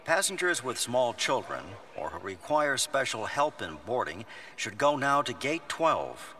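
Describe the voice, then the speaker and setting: Airport announcement, man acting as male pre-boarding announcer, mid pitch, bright, lively intonation, distant mic. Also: unhurried, full character voice. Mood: formal, courteous. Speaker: airline announcer.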